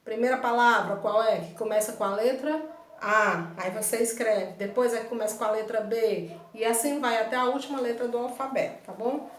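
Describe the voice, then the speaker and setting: A woman's voice: a little high, moderate pace, slight background noise. A Brazilian woman teaching primary school Portuguese online, giving patient step-by-step instructions with a Brazilian Portuguese accent. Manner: patient, repeats steps with "tá certo?". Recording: echoey room, mic far off.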